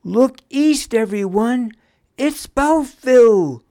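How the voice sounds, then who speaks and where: A man voicing Pun, an eager and excitable little girl in a storybook reading who squeals her lines. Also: very high-pitched, very slow, no echo, studio quality, voice pushed up, exaggerated voice. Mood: shouting.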